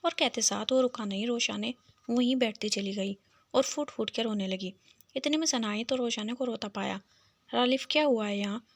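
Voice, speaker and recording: Gravelly woman reading a romance novel. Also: a little high, normal speed, no room sound. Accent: Pakistani Urdu. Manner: emotional reading, changing her tone for each character. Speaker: audiobook narrator.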